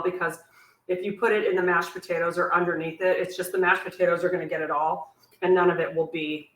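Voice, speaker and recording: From her home kitchen, a woman with a slightly squeaky voice runs a live cooking class, chatting warmly with viewers as she answers their questions and laughs at herself, all while nursing a sore back. Her voice sounds distant in the echoey room, with cutlery and dishes clinking in the background.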